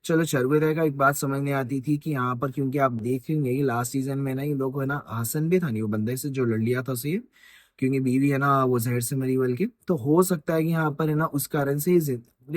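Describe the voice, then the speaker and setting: A man's voice: fairly high pitch, no room sound, studio quality. A man casually breaking down a TV trailer, rambling and correcting himself with many fillers. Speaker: YouTube host.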